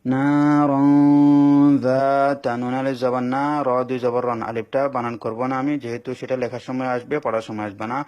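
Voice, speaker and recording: A man's voice: mid-range voice, flat delivery. A man teaching Quran reading. He spells out letters step by step, repeats himself patiently and answers his own questions. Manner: stretches words into slow sung recitation. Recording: dull lo-fi recording.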